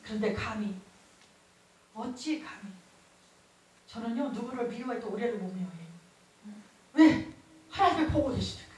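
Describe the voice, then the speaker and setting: Woman pastor, revival sermon, emotive storytelling, high voice, echoey hall from far off. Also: moderate pace, pauses often, darkish tone. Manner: emotive storytelling preaching, laughing as she talks. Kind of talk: revival sermon with personal testimony. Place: large church hall at a revival meeting.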